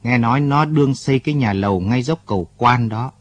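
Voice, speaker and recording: A man's voice: medium pitch, fairly quick, dry recording, close to an everyday voice. A man voicing an older rural man who is blunt but kind-hearted. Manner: scolding yet fatherly, talks bluntly.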